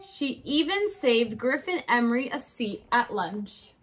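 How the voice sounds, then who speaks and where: This kindergarten teacher's read-aloud for young children takes place in a small decorated indoor room. Her slightly high voice rises and falls expressively at a measured, unhurried pace as she addresses the kids directly with check-in questions.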